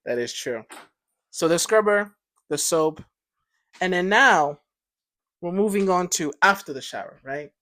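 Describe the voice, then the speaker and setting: A man's voice: high voice, lively intonation, a little slow, pauses often, pushed and bright. A young man co-hosting a casual podcast chat, joking and laughing often. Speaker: podcast co-host.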